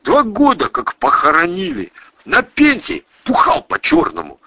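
A man voicing a gruff, burly former bandit who talks crude slang. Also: high-pitched, wildly swooping pitch, measured pace, no room sound, pitched above the performer's own voice, full character voice. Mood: rough. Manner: rough slangy shouting.

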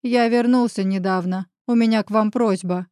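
A woman voicing a tense young man seeking revenge, speaking in a firm, measured, growling way in an audiobook. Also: medium pitch, fairly even intonation, a little mellow, no room sound, studio quality, lightly acted.

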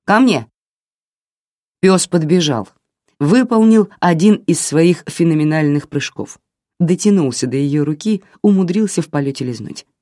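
Expressive audiobook narrator, lively pitch. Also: moderate pace, no echo, studio quality. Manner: expressive, dramatic reading. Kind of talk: scripted narration of a novel.

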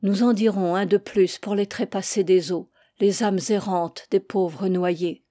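A woman's voice: mid-range voice, steady tone, measured pace, dark tone, no echo, studio quality, close to an everyday voice. Woman reading as a fretful scolding mother. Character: stern worried Breton peasant mother.

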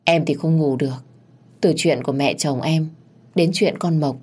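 A woman's voice: low voice, normal speed, darkish tone, husky. A woman playing a cunning young wife feigning fear. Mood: fake dread.

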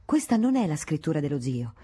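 A woman reading the part of a sharp-tongued noblewoman who contests a will, in an ironic, insistent tone. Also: sits low, sing-song, brisk, breathy edge, heavily acted. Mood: sarcastic. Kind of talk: audiobook reading.

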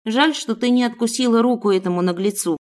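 A woman voicing a sharp-tongued young captive woman answering back defiantly. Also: a little high, fast talker, natural voice.

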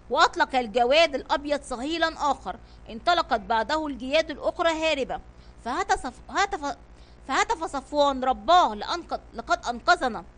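A woman narrating a children's audio story in an expressive read-aloud manner. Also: high voice.

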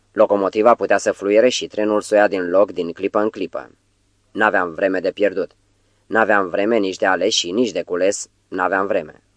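A man reading a literary novel aloud in a measured, even narration. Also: lowish voice, dry recording. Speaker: audiobook reader.

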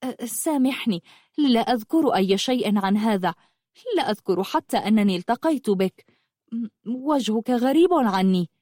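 A woman voicing a gentle, puzzled young woman in an audiobook story, questioning and apologetic. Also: fairly high pitch, animated, normal speed, long pauses, no echo, clean studio sound.

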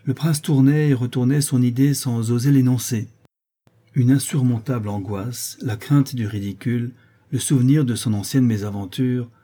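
A man narrating a classic novel aloud in a steady, measured way. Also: medium pitch, slightly rough. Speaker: audiobook reader. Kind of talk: audiobook narration.

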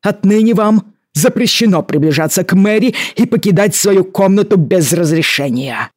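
A reader voicing an enraged male governor who speaks through clenched teeth, slow and raised. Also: mid-range voice, expressive, darkish tone, breathy edge, dry recording, clean studio sound. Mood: cold fury. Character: enraged male colonial governor, stern guardian.

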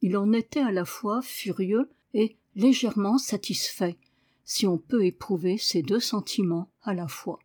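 A woman reads a children's novel aloud, keeping to a measured, even storytelling pace. Her pitch sits in a plain middle range. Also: breathy edge. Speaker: audiobook reader. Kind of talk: scripted narration.

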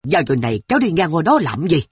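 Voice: mid-range voice, big pitch swings, quick pace, breathy edge, no echo, voice pushed up. A storyteller voicing a devout grandmother who scolds and reassures her grandchildren. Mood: scolding. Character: kindly grandmother, devout and stern. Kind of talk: audiobook character voice.

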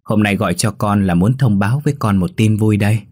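Man reading a calm, motherly middle-aged mom, husky and low. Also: a little fast, dry recording. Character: middle-aged mother, gentle and warm-hearted.

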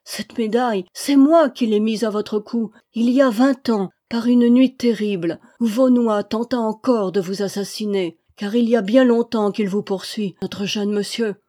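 A woman's voice: on the high side, normal speed, hardly any pauses, dark tone, natural voice. A woman reading aloud, voicing an old male charcoal burner who speaks with fervent, pleading emphasis. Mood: exalted.

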